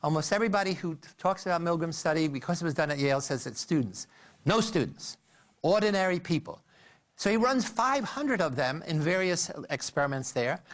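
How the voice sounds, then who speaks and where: A man giving a lecture, telling a story with lively energy and frequent stumbles and restarts. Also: on the high side, brisk.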